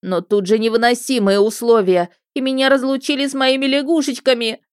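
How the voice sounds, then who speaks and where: A woman voicing a whiny male water-spirit prisoner who shrieks his complaints in a shrill, tearful voice. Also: fairly even intonation, a little fast, smooth, no room sound, clean studio sound, lightly acted. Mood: tearful whining. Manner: shrill, whining, indignant.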